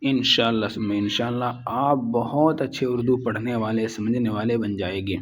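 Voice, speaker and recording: Man, reading teacher, slow repeated syllables, ordinary mid pitch. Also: steady tone, a little hiss or hum. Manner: drills syllables slowly with repetition. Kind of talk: slow spelling-out reading lesson.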